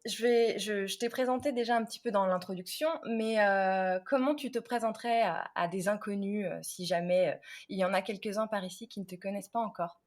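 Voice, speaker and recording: A woman who hosts a home renovation podcast and works as an interior architect. She gives a lively scripted introduction and then moves into relaxed interview chat. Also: medium pitch, brisk, few pauses, dry recording. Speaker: podcast host.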